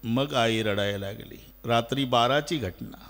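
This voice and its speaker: A man preaching a devotional storytelling sermon, dramatic, moving between loud chanted refrains and hushed narration, in an echoey hall with faint music. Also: medium pitch, a little slow. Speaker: kirtan preacher.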